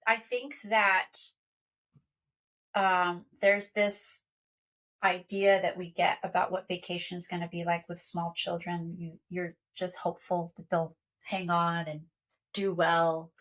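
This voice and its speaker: A woman in her thirties, co-hosting a podcast, telling a story in an animated way. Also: on the low side, takes it slowly. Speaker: podcast co-host. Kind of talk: casual chat.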